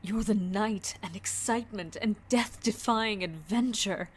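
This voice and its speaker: A woman's voice: mid-range voice, a little slow, slightly rough. A woman voicing a seductive, willful and playful masked cat burglar with a sultry, theatrical delivery in a comic dub. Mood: seductive, coaxing.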